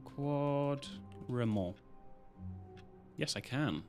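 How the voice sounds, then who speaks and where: A man's voice: medium pitch, animated, drawn-out words, darkish tone, faint music behind. A British man chatting casually as a live streamer, in a loose, rambling way with some casual swearing. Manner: rambling, loosely strung-together talk.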